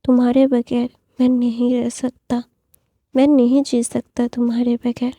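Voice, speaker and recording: A woman's voice: a little high, monotone, unhurried, vocal fry, mellow, no echo. A woman voicing a lovesick young male emperor who pleads tearfully and repeats himself in a storybook reading. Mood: pleading.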